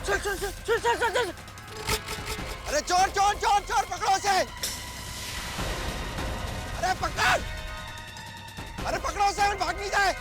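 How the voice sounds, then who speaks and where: An actor playing an angry man in a crowd who shouts and scolds while chasing a young thief in a sitcom scene. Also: very high-pitched, normal speed, pauses often. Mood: angry shouting. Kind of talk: sitcom acting. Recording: background music under dialogue.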